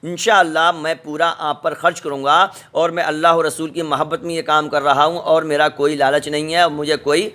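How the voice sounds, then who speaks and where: A man's voice: on the high side, little pitch movement, pushed and bright. Patient middle-aged man teaching letters. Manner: patient, repetitive, spells letters out slowly. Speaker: Quran teacher. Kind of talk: recorded lesson teaching the Arabic alphabet.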